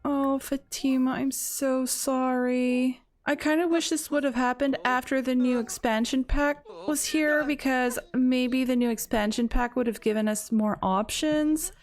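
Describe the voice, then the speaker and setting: A young woman hosting casual gameplay commentary, expressive and exclaiming, often talking straight to the game characters. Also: high-pitched, normal speed, few pauses. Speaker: gaming channel host.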